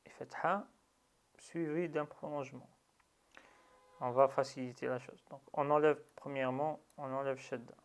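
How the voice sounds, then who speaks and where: Slow, patient man teaching. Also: medium pitch. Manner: calm, patient, drills syllables with long drawn-out sounds. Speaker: Arabic reading teacher. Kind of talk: slow step-by-step lesson.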